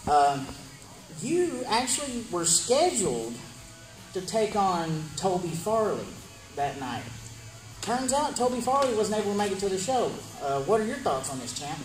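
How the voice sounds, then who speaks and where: A man's voice: high voice, sing-song, unhurried. A man hosting a wrestling promo interview, announcing upcoming matches and putting questions to a wrestler. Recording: echoey room with music behind.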